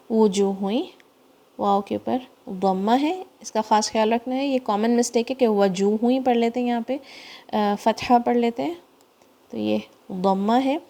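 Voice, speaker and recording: A woman teaching Quran recitation, explaining pronunciation rules in with English words mixed in and slowly repeating each word to demonstrate. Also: fairly high pitch, dark tone. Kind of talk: tajweed lesson, explaining then reciting slowly.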